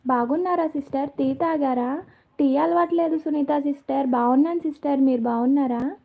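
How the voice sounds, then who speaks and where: A woman's voice: high voice, normal speed, gravelly, dark tone. A woman hosting a casual live stream, chatting with viewers and answering their comments by name.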